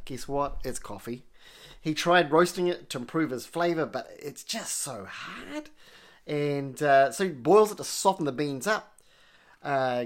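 Meandering Kiwi man telling stories. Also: medium pitch. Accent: New Zealand with some American. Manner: meandering, self-correcting storyteller. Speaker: coffee storyteller. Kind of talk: casual chat.

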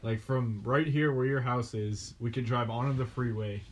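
A young American man with a husky voice co-hosts a podcast in casual, musing, slangy banter, recorded on a phone with a cheap mic sound. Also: medium pitch, fairly even intonation, moderate pace, slight background noise. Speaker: podcast co-host. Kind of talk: casual joking chat. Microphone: one shared phone.

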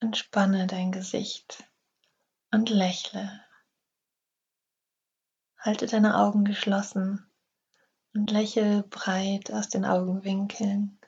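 A woman guiding a yoga nidra relaxation session in slow, soft, half-whispered instructions. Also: medium pitch, flat delivery, muffled recording. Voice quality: breathy, husky. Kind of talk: guided relaxation meditation.

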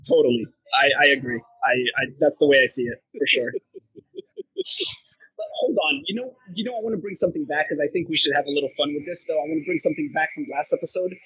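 A man co-hosting a casual podcast, animated and joking, laughing often as he talks. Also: on the high side, fast talker, slightly rough, dry recording, low-quality recording. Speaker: podcast co-host.

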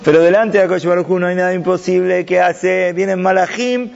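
High-voiced unhurried man, kids' storyteller; long hall echo, muffled. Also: gravelly. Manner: expressive, wide swings in pitch and pace, asks the listeners questions. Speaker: religious storyteller for children. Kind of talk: dramatic story narration. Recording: dull sound with long hall reverb.

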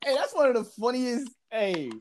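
A man's voice: extremely high pitch, normal speed. A man co-hosting a casual podcast chat, slangy and laughing often. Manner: loud laughing, slangy, animated. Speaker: podcast co-host.

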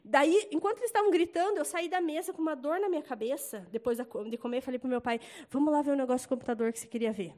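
A young Brazilian woman with a Brazilian Portuguese accent giving a casual, chatty church testimony and acting out loud quotes. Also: high voice, very fast, hardly any pauses. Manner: chatty, animated storytelling with loud acted quotes.

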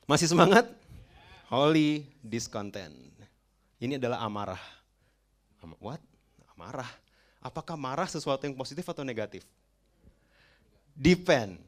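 A young adult male preacher giving a lively sermon, often asking his listeners questions and dropping English phrases into his talk. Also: medium pitch.

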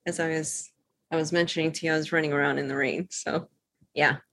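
A woman from Cuba chats as a guest over a video call. Her voice is lowish yet bright. She is agreeable and chatty. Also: steady tone, brisk, a little hiss or hum. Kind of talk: casual video call chat.

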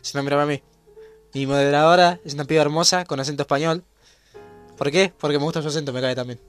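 A young man with an Argentine accent talks in a casual podcast chat, quick and blunt, cracking jokes as he goes. His voice sits a little high. Soft music runs underneath. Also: fairly even intonation. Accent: Argentine Spanish. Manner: jokey, blunt, fast-talking.

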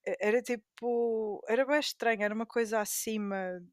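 A woman's voice: fairly high pitch, fairly even intonation, normal speed, no room sound, studio quality. A young adult woman with a European Portuguese accent, co-hosting a casual podcast, speaking in a reflective, hesitant way. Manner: reflective, hesitant, many fillers. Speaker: podcast co-host. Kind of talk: casual chat.

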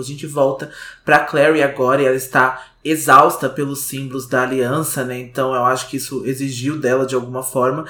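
Man casually recapping a book, roomy sound. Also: mid-range voice. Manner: relaxed, recaps chapters with frequent "né". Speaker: podcast co-host discussing a book. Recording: roomy echo.

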